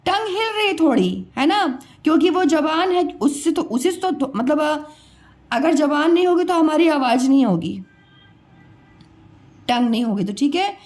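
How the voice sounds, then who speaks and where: A woman's voice: sits high, lively intonation, normal speed, a little mellow. A woman teacher giving a pronunciation lesson, patiently repeating each sound and quizzing her students.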